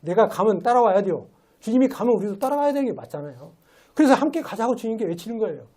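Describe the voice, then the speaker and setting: A man's voice: high-pitched, animated, fast talker, dark tone. A man giving a sermon as a lay preacher in a church, talking in a conversational way and asking rhetorical questions. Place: church sanctuary.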